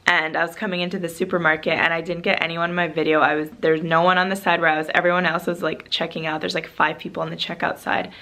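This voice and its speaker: Gravelly young woman vlogging. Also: on the low side, fast talker, few pauses. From Canada. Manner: heavy use of "like" filler, animated retelling. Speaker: travel vlogger. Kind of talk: casual vlog storytelling.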